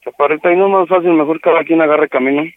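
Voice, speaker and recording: A man's voice: on the high side, fairly even intonation, very fast, no room sound. Mexican man, weary prank caller. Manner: weary, blunt, pressing a breakup. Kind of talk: prank phone call. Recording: muffled radio broadcast audio.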